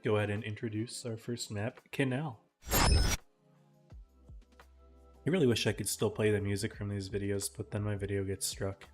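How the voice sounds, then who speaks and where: A man casting a live esports match in a casual, chatty way, his voice tiring and often clearing his throat. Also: on the low side, level tone, moderate pace, long pauses, soft background music. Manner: casual, chatty, talks to chat viewers. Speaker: esports caster.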